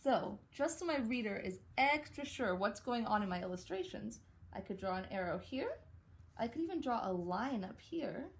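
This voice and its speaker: A woman teacher with a fairly high voice, talking gently to young children during a writing lesson. She coaxes the class along, stretching out sounds slowly so they can follow. Her voice sits a little above the usual pitch for a woman. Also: lively intonation.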